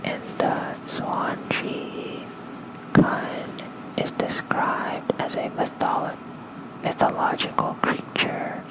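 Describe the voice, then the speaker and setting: An ASMR host reads lore in a soft, breathy whisper, unhurried and halting, dropping in informal asides. She is close to a fluffy-covered microphone, and the recording quality is low.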